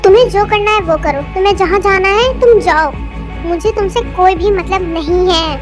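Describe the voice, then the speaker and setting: A woman's voice: very high-pitched, moderate pace, music in the background. A woman voicing a cold, harsh young husband in a fan audio story, speaking with scorn and giving orders. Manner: scornful, commanding.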